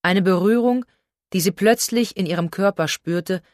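A woman reading a novel aloud as a narrator, in a measured, literary storytelling manner. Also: mid-range voice, a little mellow, dry recording, clean studio sound. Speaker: audiobook narrator. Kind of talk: scripted narration.

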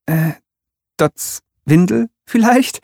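Man doing a high, polite little boy. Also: expressive, takes it slowly, gravelly, darkish tone, dry recording, clean studio sound, exaggerated voice. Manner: polite, sympathetic. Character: polite, kind young boy.

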